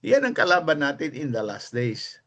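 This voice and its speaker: High-voiced Filipino man preaching with animation. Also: moderate pace. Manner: animated storytelling, mixing in English phrases, chuckling at his own anecdotes. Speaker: pastor. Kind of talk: sermon.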